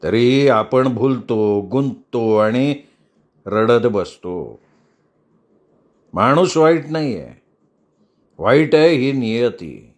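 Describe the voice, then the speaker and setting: A man voicing a weary, drunk middle-aged man who slowly and bitterly philosophizes about fate. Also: medium pitch, animated. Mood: sorrowful.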